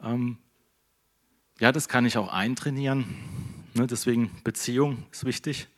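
A middle-aged man preaching a relaxed, conversational sermon and tagging his sentences with a questioning "ne?". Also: mid-range voice, moderate pace. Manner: conversational, keeps adding "ne?". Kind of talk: casual sermon.

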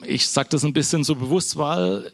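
A man's voice: fairly high pitch, fairly even intonation, normal speed, creaky. A man preaching an informal sermon in a church hall, talking to the congregation in a casual, conversational way. Almost every phrase ends with a questioning "ne?", and he often stumbles, restarts and corrects himself mid-sentence. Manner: conversational, keeps adding a questioning "ne?"; false starts and self-corrections.

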